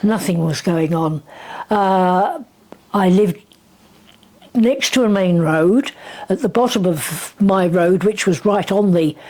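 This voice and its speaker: A woman's voice: medium pitch, takes it slowly, darkish tone. A very old woman in her nineties with a southern English accent, reminiscing chattily and wryly in casual conversation. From southern England. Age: 90s, very old woman. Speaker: interviewee.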